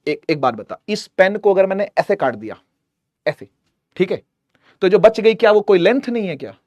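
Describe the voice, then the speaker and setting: High-voiced, playful male physics teacher. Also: animated, moderate pace, darkish tone, no echo. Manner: playful, teasing, jokes with students; calls students "beta" affectionately. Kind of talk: lively classroom lecture.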